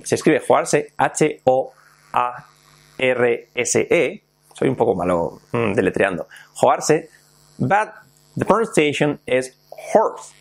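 Male teacher, Spain accent, mid-pitched voice, playful video lesson delivery, spells and repeats words. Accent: Spain Spanish. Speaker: English teacher.

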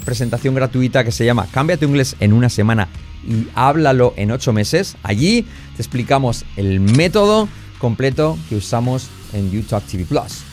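A man with an accent from Spain teaches English in a video lesson, pitched in the middle of the male range. He explains in Spanish and then models short English phrases slowly, repeating them for the learner. Faint music plays beneath his voice. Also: darkish tone.

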